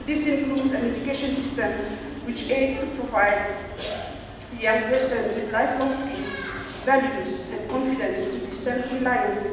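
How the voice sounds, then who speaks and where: A woman's voice: fairly high pitch, fairly even intonation, moderate pace. A middle-aged woman, an official reading a formal speech at a podium. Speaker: government education director giving a speech. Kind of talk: formal speech read from a script. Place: indoor graduation hall. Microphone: podium microphone, picked up from afar. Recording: echoey hall, distant, clear background noise.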